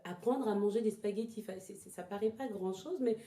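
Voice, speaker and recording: A woman with a mid-range, mellow voice gives hesitant, reflective answers in an interview, repeating words as she gropes for the right phrasing. She practices traditional therapy, was born in Togo, lived in Ghana, and moved to France as a child. The house interior sounds roomy and echoing, with slight background noise.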